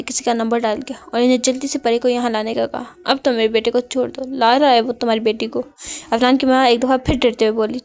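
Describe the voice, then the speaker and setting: A woman reading a novel aloud as its narrator, in steady storytelling narration, on a dull lo-fi recording. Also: on the high side.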